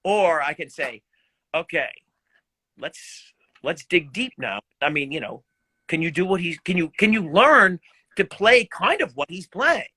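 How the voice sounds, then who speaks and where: A man's voice: sits high, a little slow, slightly rough, no echo. A middle-aged man, a guest musician, telling stories in a casual live video chat and laughing often. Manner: animated, laughing storyteller.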